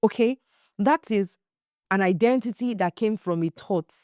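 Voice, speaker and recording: A young adult woman hosting a faith-based podcast, telling stories in a casual, animated way and acting out the quotes. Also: mid-range voice, a little slow, no echo, clean studio sound. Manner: animated storyteller, acts out quotes, emphatic repeats. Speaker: podcast host.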